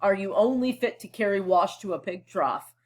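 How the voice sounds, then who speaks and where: A woman's voice: medium pitch, moderate pace, close to an everyday voice. A woman reading the lines of a harsh, scornful father who scolds his daughter sharply, in a read-aloud lesson. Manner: sharp and reprimanding. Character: harsh, scornful middle-aged mayor father.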